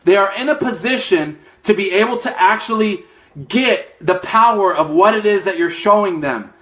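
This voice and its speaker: Young guy hyped up on a live stream, kinda high voice, out of breath, keeps saying okay. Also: moderate pace, a bit bright. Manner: fired-up, emphatic, repeats "okay?". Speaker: network marketing coach. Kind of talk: motivational live stream talk.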